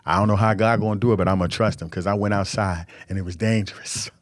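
Earnest low-voiced man giving marriage advice. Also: steady tone, fast, no room sound, clean studio sound. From New York. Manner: earnest, preachy and candid, with repeated emphatic words. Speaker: podcast host.

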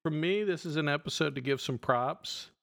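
A man's voice: fairly high pitch, normal speed, gravelly. A middle-aged man co-hosting a podcast, chatting in a loose, rambling way with plenty of fillers. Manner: relaxed, rambling, many fillers. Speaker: podcast co-host. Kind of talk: casual chat.

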